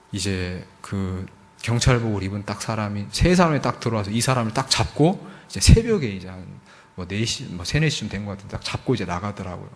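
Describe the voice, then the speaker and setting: A man, a missionary, giving an emotional testimony at a church service, telling his story with lots of fillers and acting out the dialogue. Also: on the low side. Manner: frequent filler words, emotional emphasis. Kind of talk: testimony sermon.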